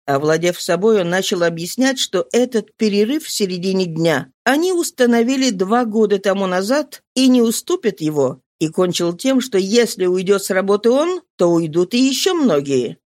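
Animated audiobook narrator. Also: mid-range voice, moderate pace, hardly any pauses, no room sound, studio quality. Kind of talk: expressive literary reading.

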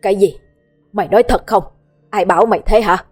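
A bossy older village master barks his commands in a blunt, threatening way, as a woman storyteller puts him on. His voice sits at an ordinary middle pitch, with faint music underneath the storybook reading. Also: fairly quick, lightly acted. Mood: barking. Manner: barking, threatening.

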